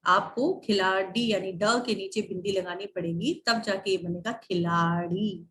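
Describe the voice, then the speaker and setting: A woman teacher explaining spelling and pronunciation in a recorded lesson, drawing out each example word slowly. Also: medium pitch, steady tone, fairly bright tone. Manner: slow, drawn-out enunciation of example words. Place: online class video.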